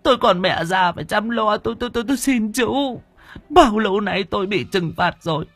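A woman's voice: mid-range voice, animated, brisk, slightly rough, no room sound, soft background music, voice pushed up. A man voicing a guilt-ridden older woman who is crying, stammering and begging in an audiobook. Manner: stammering, wailing, pleading. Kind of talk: audiobook character voice.

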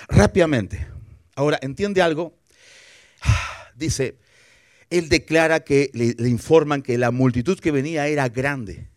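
A man preaching a sermon as a guest pastor, animated, acting out quotes and asking the listeners questions. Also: on the high side, no room sound, studio quality. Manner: animated, acts out quotes, asks rhetorical questions. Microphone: broadcast for television.

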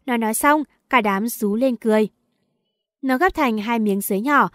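Female audiobook narrator, somewhat high voice, dry booth sound, reads a teen story and does every character lightly. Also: moderate pace, no echo. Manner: reads dialogue of many characters in one lightly shifted voice.

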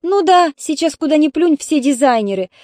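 A woman voicing a tired, sharp-tongued elder daughter, sarcastic and exasperated, in an audiobook reading. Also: high-pitched, animated, moderate pace, dry recording, clean studio sound, voice pushed up.

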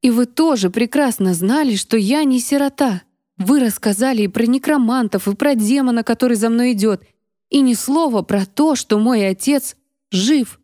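A woman's voice: fairly high pitch, normal speed, dark tone, dry recording, lightly acted. A woman voicing a shaken young woman, a necromancer's heir, who stammers and trembles, on a close dry mic. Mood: reproachful. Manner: stammering, tremulous.

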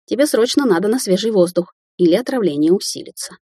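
A woman's voice: mid-range voice, animated, fast talker, dark tone, slightly rough, no room sound, clean studio sound, voice pushed up. A woman reading voices an alarmed young man in a respirator, speaking urgently and commandingly in an audiobook.

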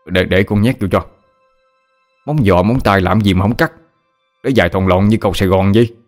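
A man's voice: fairly low pitch, a little fast, soft background music, close to an everyday voice. A man playing a joking exorcist who teases his listeners with mock innocence. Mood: teasing. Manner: teasing, playfully mock-innocent. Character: joking young exorcist, sly storyteller.

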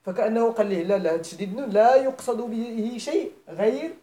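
A man's voice: extremely high pitch, fast, warm tone. A middle-aged man with a Moroccan accent, teaching a grammar class, explaining step by step, repeating phrases and often asking his students if they follow, moving between formal Arabic and dialect. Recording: echoey room.

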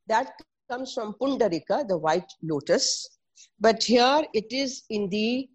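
A middle-aged woman speaks with a North Indian accent at a medium pitch. She explains things informally in a teaching manner, moving between English, Hindi and Sanskrit and restating key terms. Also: husky, highs cut off. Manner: didactic, spells out and repeats terms. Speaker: presenter explaining traditional Indian textiles.

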